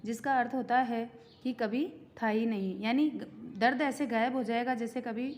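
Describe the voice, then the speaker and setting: A woman's voice: a little high, fairly even intonation, moderate pace. A woman teacher reading a school play aloud and stopping to explain its words in simple terms for young students. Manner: reads each character's lines, stopping to explain words simply.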